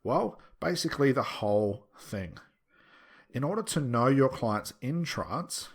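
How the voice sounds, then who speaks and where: A man giving an instructional lecture in a conversational, explanatory style, stressing and repeating his key points as a teacher does. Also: mid-range voice. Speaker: hypnosis instructor.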